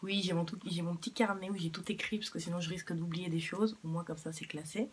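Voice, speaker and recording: A woman's voice: on the low side, steady tone, quick pace, noisy background. A young woman from France chatting frankly to camera at home, with many fillers and casual swearing. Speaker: vlogger.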